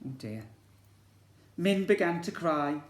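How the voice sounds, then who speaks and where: This man's voice sits on the high side, animated and slow-paced, as he reads a storybook to young children like a teacher. Speaking expressively and asking his listeners questions, he is an infant school teacher in an echoey room.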